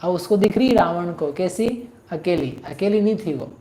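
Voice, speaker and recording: A woman teaching scripture, explaining a story and chanting verses in a drawn-out sing-song, often asking her listeners questions. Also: on the low side, lively intonation, dark tone, slight background noise. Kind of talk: religious discourse with chanted verses. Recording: roomy echo.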